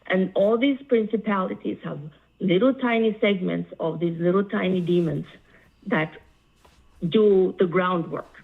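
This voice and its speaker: A woman from Zambia calling in to a talk show, speaking earnestly with many pauses and fillers. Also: medium pitch, gravelly. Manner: slow, earnest, halting with fillers. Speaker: caller. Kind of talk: call-in talk. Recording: phone line.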